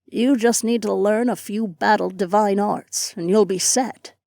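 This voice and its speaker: A powerful female sect elder in a fantasy audiobook, read by a woman. She speaks in a brisk, commanding mid-pitched voice, recorded dry and close. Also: creaky, darkish tone, no room sound. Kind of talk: audiobook character voice.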